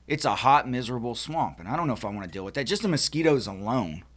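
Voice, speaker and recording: A man's voice: mid-range voice, big pitch swings, fast. Emphatic American man lecturing his friends. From United States. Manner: emphatic, lecturing, with many restarts. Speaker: podcast co-host. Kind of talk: casual roundtable chat.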